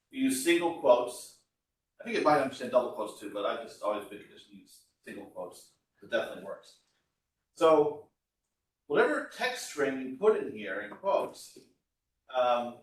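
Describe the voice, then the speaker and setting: Picked up some way from the microphone, a man's medium-pitched, slightly bright voice echoes heavily around a classroom. He lectures informally like a university instructor, explaining things one step at a time in a conversational way.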